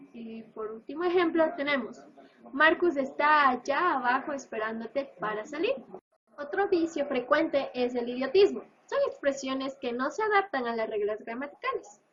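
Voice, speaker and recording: High-voiced woman reading a lesson. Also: animated, normal speed, a bit bright. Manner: reads examples in a list-like cadence. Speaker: student presenter. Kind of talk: reading a school presentation. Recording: dull lo-fi recording.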